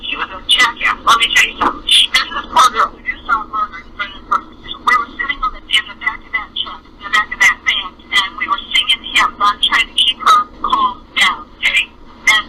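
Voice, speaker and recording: A woman's voice: mid-range voice, fairly quick. A woman on a phone interview, bluntly retelling what she witnessed in a rambling, agitated way, with many restarts. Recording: loud noisy phone line.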